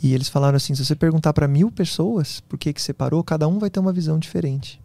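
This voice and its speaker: A man being interviewed as a guest on a podcast, telling personal stories in an animated, casual way. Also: fairly high pitch, gravelly, no echo. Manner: fast, animated storytelling.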